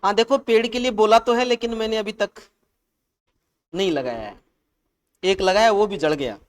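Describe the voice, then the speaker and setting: A man's voice: high-pitched, normal speed. A man teaching an exam-prep lesson, chatty and often calling listeners "saahab" and "bhai".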